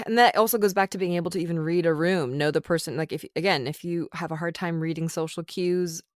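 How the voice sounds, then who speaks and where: A woman's voice: lowish voice, steady tone, brisk, no echo, studio quality. A woman co-hosting a casual podcast, speaking candidly and mocking advice she reads aloud. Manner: candid, reads tips aloud and mocks them. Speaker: podcast co-host.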